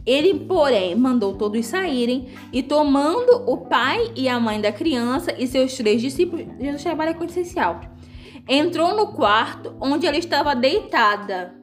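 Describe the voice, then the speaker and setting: A woman's voice: high voice, moderate pace, soft background music. A woman, casually talking through a Bible story and acting out the quotes playfully. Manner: playful, animated, acts out quotes. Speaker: co-host. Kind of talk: casual Bible study chat.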